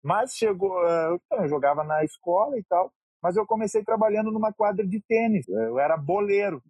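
A man's voice: high-pitched, lively intonation, moderate pace, darkish tone, breathy edge, no room sound. A Brazilian man in his thirties, a goalkeeper, telling stories in a chatty, laughing way as an interview guest. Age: 30s. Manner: chatty, laughs often, many fillers. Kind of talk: casual interview storytelling.

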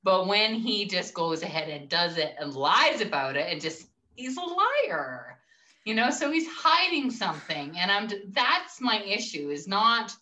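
A woman's voice: medium pitch, very animated, measured pace, pushed and bright. A woman co-hosting a casual chat, emphatic and blunt, swearing as she makes her points. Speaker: podcast co-host.

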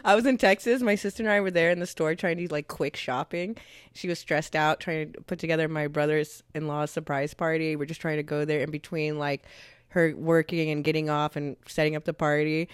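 A young woman co-hosting a podcast, talking in a chatty way, full of filler words and quick laughs. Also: sits low, fairly even intonation, smooth, dry recording, clean studio sound. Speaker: podcast co-host. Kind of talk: casual chat.

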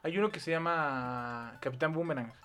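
A man's voice: fairly high pitch, moderate pace, music in the background. A young man with a Mexican accent chatting casually about superheroes, slangy and full of examples. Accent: Mexican Spanish. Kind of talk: casual chat.

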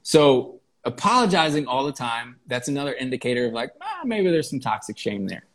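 Brief: man guest, casual explainer, mid pitch, keeps tagging "right?", swears easily. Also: sing-song, fairly quick. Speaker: podcast guest. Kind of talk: casual conversation.

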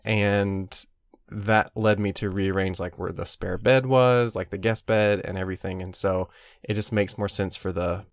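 A man talks casually as a podcast co-host. His voice sits slightly low. The sound is dry, recorded inside a closet at home. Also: fairly even intonation, a little slow, no echo. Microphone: podcast microphone.

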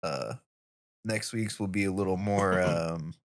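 A man's voice: sits low, measured pace. A man hosting a podcast in casual chat, laid-back and profane. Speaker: podcast host.

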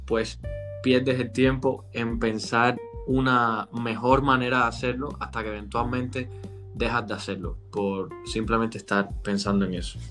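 A man chats easily as a co-host, throwing in slang and laughing often. His voice sits at an ordinary middle pitch. Faint music plays softly behind him. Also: flat delivery, measured pace. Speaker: podcast co-host. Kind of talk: casual chat.

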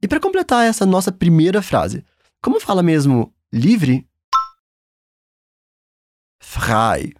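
A man's voice: high-pitched, huge pitch swings, normal speed, darkish tone, dry recording, clean studio sound. A man with a Brazilian accent teaching a German lesson in a patient, encouraging, upbeat way. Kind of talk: language lesson.

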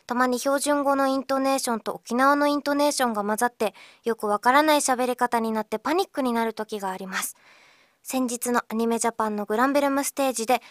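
High-voiced chatty radio host with a slight Okinawan accent. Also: female voice, fairly bright tone, no echo, studio quality. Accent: slight Okinawan Japanese. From Okinawa, Japan. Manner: chatty, playful, many filler pauses. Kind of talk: casual radio chat reading listener letters.

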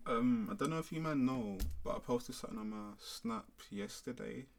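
A man's voice: mid-range voice, normal speed, vocal fry. A young man with a London roadman accent and street slang, making points emphatically in casual discussion and often checking he's understood. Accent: London, multicultural urban slang (roadman). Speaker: discussion panellist.

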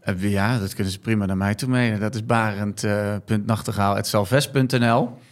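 A man's voice: fairly low pitch, fairly even intonation, fairly quick. A man, hosting a podcast in a casual, chatty way. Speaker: podcast host. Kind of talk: casual chat.

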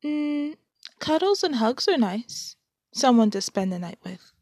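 A woman's voice: high voice, big pitch swings, measured pace, a little mellow, dry recording, studio quality, voice pushed up, exaggerated voice. A woman reading aloud, voicing a shy, flustered teenage girl who stammers a little. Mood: dreamy.

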